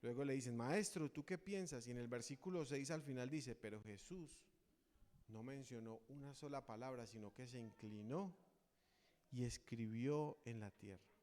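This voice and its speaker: A man's voice: mid-range voice, normal speed, darkish tone. A man preaching a sermon in earnest, asking the congregation rhetorical questions. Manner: earnest, rhetorical questions, acts out voices of a crowd. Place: church. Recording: long church reverb.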